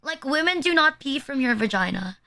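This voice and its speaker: Young woman streamer rambling with tons of "like", high and bright, blunt and crude. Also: lively intonation, brisk. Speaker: VTuber streamer. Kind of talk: casual live-stream chat.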